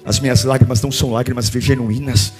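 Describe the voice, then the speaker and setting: A man with a Brazilian Portuguese accent, preaching a sermon as a pastor, shouting and chanting at times and dropping to a low, quiet appeal at others. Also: flat delivery, quick pace, faint music behind.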